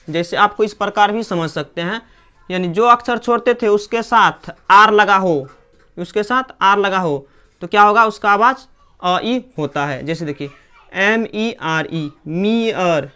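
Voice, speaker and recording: Woman, Hindi accent, teaching English pronunciation, repeats herself, resonant clear voice. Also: medium pitch, a bit bright. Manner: repetitive question-and-answer teaching. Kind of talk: classroom lesson.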